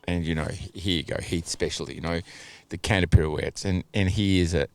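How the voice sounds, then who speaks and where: A man giving measured, analytical commentary on a dressage test over video, hedging his judgments with "you know" and "a little bit". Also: deep voice, fairly even intonation, clean tone.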